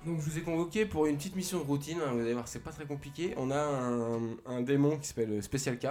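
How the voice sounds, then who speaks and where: A man voicing a pushy male demon boss with a put-on Italian accent, brisk and businesslike with a hint of menace. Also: fairly high pitch, darkish tone, faint music behind, natural voice.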